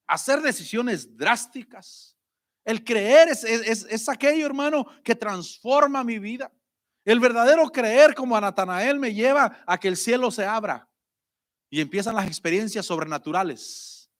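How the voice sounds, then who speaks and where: A pastor preaching a sermon in a lively way, acting out short prayers. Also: male voice, high voice.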